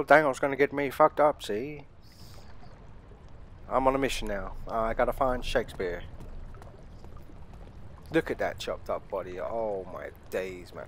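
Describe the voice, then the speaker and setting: A mid-range male voice with a little hiss or hum narrates a horror game in a British accent. It's a casual let's play, slangy and profane, with playful threats aimed at the audience over faint game ambience.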